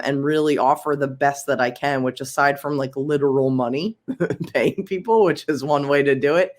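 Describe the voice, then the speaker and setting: Woman, from Philadelphia, podcast guest, casual chat, lots of ums, laughs easily. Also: rumbling low. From Philadelphia, USA.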